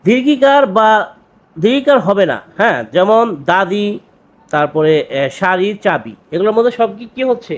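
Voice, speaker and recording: A man teaching an exam-prep grammar lesson, who repeats key words and keeps asking quick check questions. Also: sits high, lively intonation.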